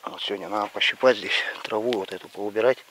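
A man's voice: quick pace, fairly bright tone. A middle-aged man with a slushy lisp on his s and sh sounds, talking casually to a handheld camera outdoors in a village yard. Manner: slushy lisp on s and sh sounds after a pulled lower tooth. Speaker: village life vlogger. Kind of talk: casual rambling vlog chat. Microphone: action camera held at arm's length. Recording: outdoor camera audio with background noise.

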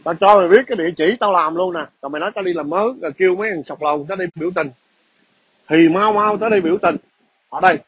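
A man's voice: fairly high pitch, a bit bright, slight background noise. A man, ranting aggressively and profanely into a phone camera at his workplace. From Vietnam. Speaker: vlogger. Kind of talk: angry ranting video message.

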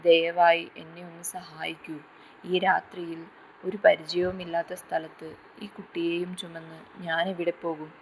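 A young woman stranger with a child on her shoulder, politely imploring in a storybook tale, read by a woman narrator. She speaks low and evenly, with little rise in pitch. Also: flat delivery, measured pace, slight background noise, low-quality recording. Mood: pleading.

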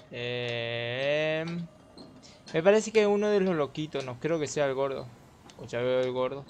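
Jumpy Argentine gamer yelping and swearing. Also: male voice, on the high side, a little hiss or hum. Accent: Argentine Spanish. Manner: excitable, swearing, jumpy yelps. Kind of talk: horror let's play commentary.

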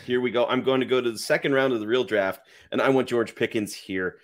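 A man's voice: medium pitch, quick pace. A man on a podcast panel giving his view in a confident, playful way. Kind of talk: casual fantasy football chat.

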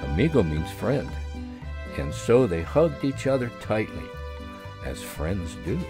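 Man reading a kids story, voice jumps all over the place, soft music behind. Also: lowish voice, a little slow. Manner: expressive, gently explaining.

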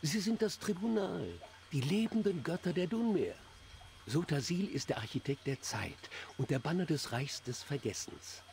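A man playing an anxious, devout dark-elf priest in a fantasy game, speaking formally and earnestly. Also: fairly high pitch, lively intonation, normal speed, gravelly, slight background noise. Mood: explaining, faintly indignant. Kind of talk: fantasy game dialogue acting.

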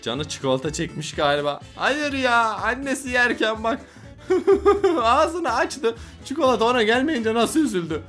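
A man's voice: extremely high pitch, very animated, measured pace, fairly bright tone, faint music behind. A man giving casual, playful reaction commentary on funny kid videos, often laughing and teasing the children he watches.

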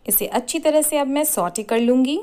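A woman hosting a cooking channel, giving clear step-by-step recipe instructions in a scripted voice-over. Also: sits high, normal speed, a little mellow. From India.

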